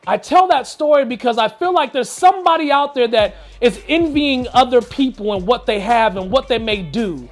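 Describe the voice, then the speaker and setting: A man's voice: very high voice, expressive, moderate pace, few pauses. Guy doing an earnest pep talk, kinda preachy, faint music in the back. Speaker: inspirational video host. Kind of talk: motivational storytelling talk.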